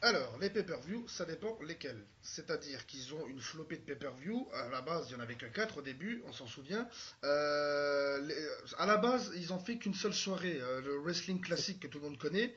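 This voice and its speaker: A man's voice: a little high, expressive, moderate pace, a bit bright. A man on a casual podcast, recounting history in a loose, chatty way. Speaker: podcast guest. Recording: dull lo-fi sound.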